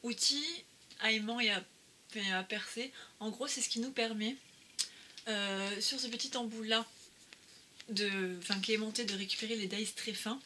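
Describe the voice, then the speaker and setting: A woman's voice: fairly high pitch, steady tone, moderate pace, bright, forceful tone, slight background noise. A woman talking casually through a craft-supply haul, with many fillers and restarts. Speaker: craft vlogger.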